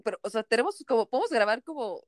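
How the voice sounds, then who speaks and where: A woman hosting a casual chat, her high voice jumping up and down as she teases her friend. She sounds bubbly and chatty. The sound is dry and close, with no room around it. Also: sing-song, dry recording. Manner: bubbly, teasing, quick to laugh. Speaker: podcast host.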